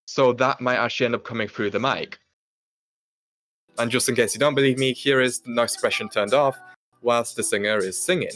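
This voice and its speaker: A man's voice: mid-range voice, fairly quick, fairly bright tone. A young adult British man giving a casual, off-the-cuff product demonstration with dry joking asides. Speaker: tech tester. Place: small carpeted bedroom at a computer desk. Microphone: desktop microphone, laptop mic or phone, varying.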